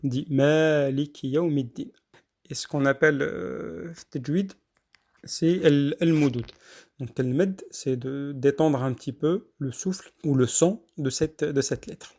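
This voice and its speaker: A man teaching Quran recitation rules, explaining haltingly with fillers between slow, drawn-out recited verses. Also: a little high, vocal fry, a little mellow. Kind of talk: tajwid lesson with recitation.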